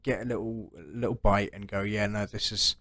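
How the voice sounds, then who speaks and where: A man talks in a low voice, recorded close and dry with almost no room sound. He rambles through long stories, tacking "right?" onto his sentences and swearing casually. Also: moderate pace, a bit bright, dry recording. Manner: swears freely. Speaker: podcast co-host. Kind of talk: casual chat.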